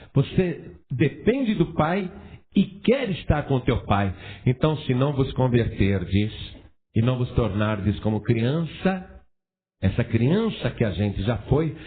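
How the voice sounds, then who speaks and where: A man preaching a sermon as a pastor, animated and asking his congregation rhetorical questions. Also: mid-range voice, slightly rough. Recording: tinny phone-like sound.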